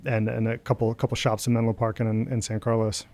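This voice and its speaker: A man's voice: medium pitch, little pitch movement, fast talker, darkish tone, no echo. Thoughtful man, founder being interviewed. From Russia. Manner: thoughtful, hesitant, many fillers and restarts. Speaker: guest, company founder. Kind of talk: casual interview.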